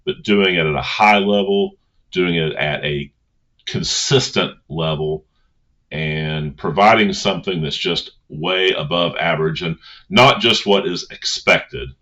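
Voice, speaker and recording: A man's voice: low-pitched, a little slow, sharp tone. A man speaking as a coach, giving an informal motivational talk in an earnest, conversational manner on a dull recording.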